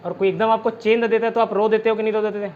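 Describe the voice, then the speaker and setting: A man's voice: sits high, little pitch movement, racing, phone-quality sound, a little hiss or hum. A man with a Chhattisgarh Hindi accent teaching an exam-prep geography lesson in a chatty way, often checking in with his students and using mnemonics. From India. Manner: chatty, repeats "theek hai", quizzes students with mnemonics.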